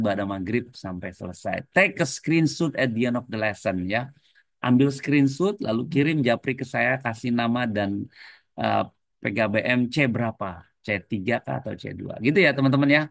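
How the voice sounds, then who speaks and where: A man's voice: medium pitch, moderate pace, creaky, no echo. Dry-sounding man teaching an online class. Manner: explains in mixed English and Indonesian, tags phrases with "ya"; repeatedly addresses the class as friends. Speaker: English teacher.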